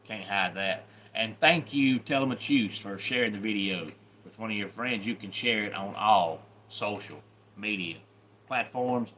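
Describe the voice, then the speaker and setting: Slightly slow and on the low side, his bright, forceful voice carries a little hiss or hum. The speaker, a Southern US YouTube host, keeps his live-stream chat casual, folksy and welcoming, greeting viewers by name.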